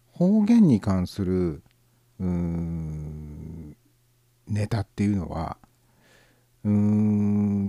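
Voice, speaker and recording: A man from southern Gifu, Japan, with a Gifu-Nagoya accent, hosting a casual internet radio show alone in a relaxed, musing way, with many fillers. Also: lowish voice, no echo, studio quality. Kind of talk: casual solo chat.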